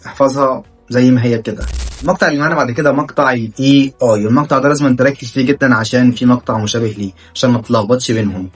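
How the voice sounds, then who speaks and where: Male Egyptian-accented tutor, mid pitch, husky, drills each sound and word twice. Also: fairly even intonation, faint music behind. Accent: Egyptian Arabic. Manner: spells out sounds and repeats words slowly. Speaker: German teacher. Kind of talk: language lesson.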